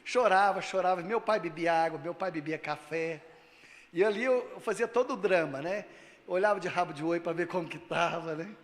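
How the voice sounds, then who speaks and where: A male pastor preaching a sermon, moving between loud emphatic lines and low, quiet storytelling. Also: brisk, long reverb tail.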